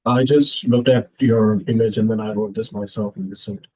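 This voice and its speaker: A man's voice: on the low side, fairly even intonation, normal speed, darkish tone, slightly rough, no echo, low-quality recording. A man, a student, showing his work hesitantly in plain words during an online class.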